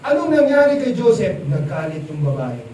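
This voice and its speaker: Male preacher, high voice, lively sermon, quizzes audience, echoey hall, distant mic, noisy. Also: moderate pace. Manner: animated, quizzes the crowd, mixes English. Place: church event hall.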